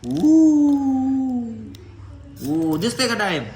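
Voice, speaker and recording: A man's voice: on the high side, lively intonation, a little slow, bright, forceful tone, a little hiss or hum. A young man, a father, talking casually in a home vlog and coaxing a small child with short, repeated instructions. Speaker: father filming his children.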